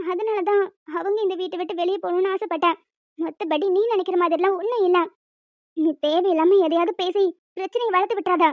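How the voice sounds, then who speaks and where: A woman's voice: extremely high pitch, dry recording. A woman voicing a young woman in a cartoon who pleads and confesses with earnest emotion, in a dry, dull lo-fi recording. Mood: pleading. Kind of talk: amateur cartoon voice acting.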